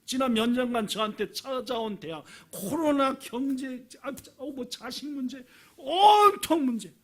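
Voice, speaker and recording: A male pastor preaching a sermon, dramatic and questioning, swinging from loud cries to hushed tones. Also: extremely high pitch, moderate pace. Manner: asks the congregation questions.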